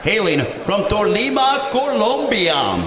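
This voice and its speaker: High, shouting lucha libre-style ring announcer man. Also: big pitch swings, reverberant, long reverb tail, recorded from a distance. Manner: shouted, drawn-out fighter names with showy build-up. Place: boxing arena. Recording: loud crowd and music in arena.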